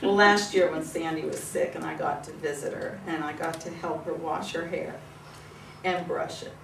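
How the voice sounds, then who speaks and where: A woman's voice: low-pitched, fairly even intonation, normal speed, creaky. An older woman giving an informal eulogy, telling fond personal stories in a conversational way. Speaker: eulogy speaker at a memorial service. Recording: echoey, distant mic with room noise.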